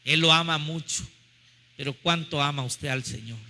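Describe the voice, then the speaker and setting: A man preaching a sermon as pastor, leading the congregation in a fervent prayer with slow, drawn-out phrases. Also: a little high, bright, forceful tone. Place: church hall. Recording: long hall reverb.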